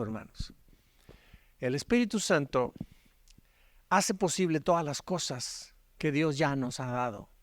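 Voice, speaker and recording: Preaching a storytelling sermon, this middle-aged Mexican Spanish-accented pastor moves from loud, animated highs to soft, hushed moments. His high voice is clear and resonant, with no room sound in the recording.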